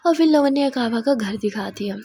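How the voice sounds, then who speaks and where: A woman storyteller narrating an audio love story in a steady, plain way. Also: fairly high pitch, a little fast, slightly rough.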